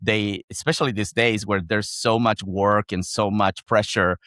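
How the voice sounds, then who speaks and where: A man with a Chilean Spanish accent and a fairly low voice, speaking English as his second language as a podcast guest. He thinks aloud, circling back with frequent restarts in a reflective, conversational way. The sound is dry and close. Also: fairly even intonation, moderate pace, fairly bright tone, no room sound. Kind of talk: conversational interview.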